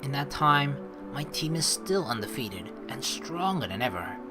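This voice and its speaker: Crude jokes and swearing fill the casual chat of this young Dutch let's play streamer as he reads the game aloud over video game music. His voice is medium in pitch, with big swings, delivered at normal speed.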